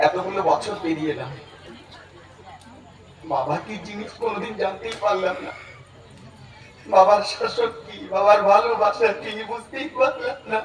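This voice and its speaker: A man's voice: high-pitched, crowd noise, natural voice. A male stage actor playing an anguished son who longs for his father, in an impassioned, pleading, melodramatic folk theatre style. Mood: sorrowful longing. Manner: impassioned, pleading, drawn-out emotional delivery. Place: folk theatre pandal before an audience. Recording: echoey crowded stage PA from far off.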